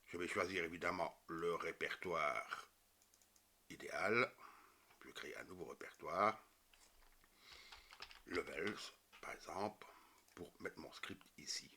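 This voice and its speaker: A man walks through a coding tutorial step by step, full of fillers and self-corrections, as a programming teacher in a screen-recorded lesson. His voice is low-pitched, with a bright, forceful tone.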